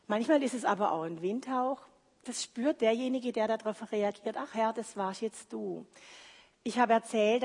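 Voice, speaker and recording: Husky-voiced woman preaching in a hall. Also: on the high side. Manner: earnest, heartfelt testimony with emphatic repetition. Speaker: lay preacher. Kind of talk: devotional sermon. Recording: long hall reverb.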